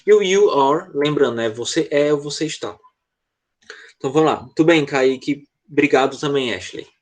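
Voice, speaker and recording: A man's voice: a little high, moderate pace. A man with a Brazilian Portuguese accent teaching an online class to children, explaining patiently and checking in often over a video call. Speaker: English teacher.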